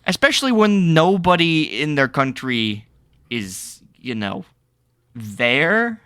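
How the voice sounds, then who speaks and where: Animated, bright-voiced man co-hosting. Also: fairly high pitch, slow, smooth, dry recording, studio quality. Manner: playful, teasing, animated. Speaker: podcast co-host. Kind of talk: casual chat.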